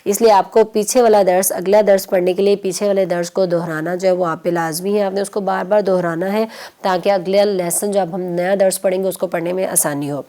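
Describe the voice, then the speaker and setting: A woman's voice: mid-range voice, fairly even intonation, dark tone. Patient woman teaching children Quran reading. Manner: patient, repeats points for children. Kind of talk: children's TV lesson.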